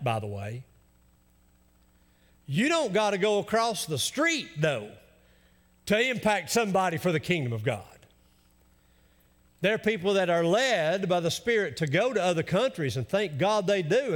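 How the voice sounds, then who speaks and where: Animated Appalachian preacher man in a reverberant hall. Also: high voice, normal speed. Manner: folksy, emphatic, acts out imagined objections. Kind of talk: conversational sermon to a congregation.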